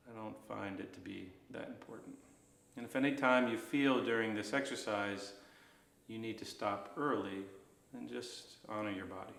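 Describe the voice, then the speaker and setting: A man instructing a guided breathing practice in an unhurried, gently reassuring manner. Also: fairly low pitch, gravelly, roomy sound, rough recording.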